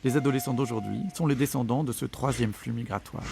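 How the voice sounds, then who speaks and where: Gravelly male documentary narrator. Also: medium pitch, fast, noisy background. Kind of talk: scripted narration.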